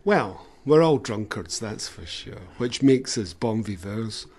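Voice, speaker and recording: A man's voice: lowish voice, expressive, slow, a little mellow, husky. A man from Scotland, speaking earnestly in a casual chat and repeating words as he starts.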